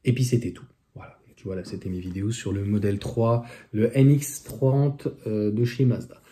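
A man's voice: lowish voice, steady tone, moderate pace, warm tone. A man reviewing car accessories in a casual, chatty way, with many fillers and restarts. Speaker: electric car vlogger.

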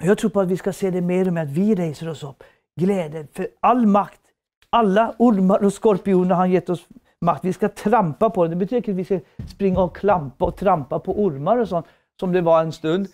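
A woman's voice: fairly low pitch, warm tone. Fervent woman preacher. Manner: fervent, emphatic repetition, rhetorical questions. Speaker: Bible school preacher. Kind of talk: preaching lecture.

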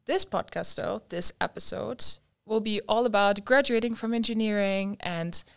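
A young woman hosting a podcast interview, talking in a lively way into a studio mic. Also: mid-range voice, moderate pace, creaky, clear, resonant tone. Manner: lively, gestures with both hands while talking. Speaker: podcast host. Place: room with large windows. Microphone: studio mic on a stand.

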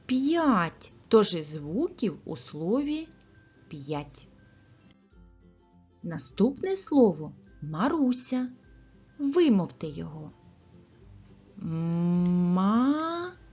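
A woman teacher speaks slowly and clearly to little children, her voice slightly husky and her pitch rising and falling a great deal. The recording sounds dull and lo-fi, with faint music underneath. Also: big pitch swings, a little mellow. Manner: slow, carefully articulated, pauses for children's answers. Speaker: preschool teacher. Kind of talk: speech lesson for young children.

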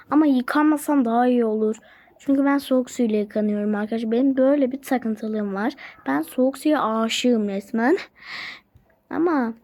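A woman's voice: on the high side, warm tone. A young woman narrating a game role-play vlog in casual chat, rambling and repeating herself, and saying she is sick and coughing. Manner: rambling, repeats herself, chatty asides to viewers. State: says she is sick and coughing, voice sounds bad.

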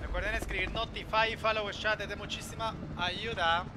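A male streamer chatting casually with his teammates, making excited, quick callouts during a match. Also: sits high, background noise. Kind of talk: casual gaming stream chat. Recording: voice over loud game gunfire.

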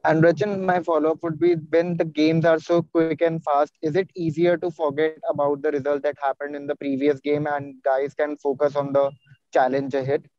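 A male reporter puts formal questions to a player at a press conference. His voice sits a little high but sounds dark and mellow. The line is dull and lo-fi, with faint music behind. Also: little pitch movement, moderate pace, no echo.

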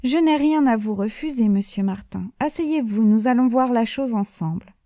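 Lady doing a friendly old saint at heaven's gate, reassuring, soft mellow tone. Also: a little high, normal speed, dry recording, clean studio sound, natural voice. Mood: genial. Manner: genial, reassuring. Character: kindly old male saint, gatekeeper of heaven.

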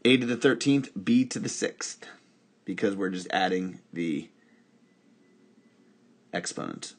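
A man's voice: low voice, lively intonation, slow pace. A man teaching a recorded math lesson, talking through each step by asking and answering his own questions, with wry asides along the way.

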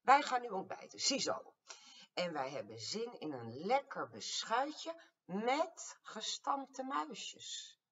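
An older woman voicing two big dinosaurs speaking together, loud and teasing, in a storybook verse. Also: medium pitch, sing-song, slow pace, husky, pitched above the performer's own voice, exaggerated voice. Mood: roaring. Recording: distant, dull lo-fi home recording.

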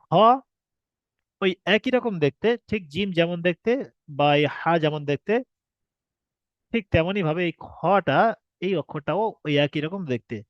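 A man with a fairly high voice patiently teaches alphabet pronunciation in a recorded online class, repeating each point and asking rhetorical questions before he answers them. The recording is dry and a little dull and muffled, with no room sound. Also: dry recording.

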